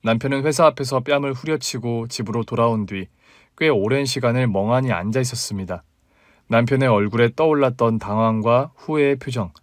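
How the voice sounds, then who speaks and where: Male storyteller, steady scripted reading, mid-pitched voice, close dry recording. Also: no echo. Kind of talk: scripted first-person story narration.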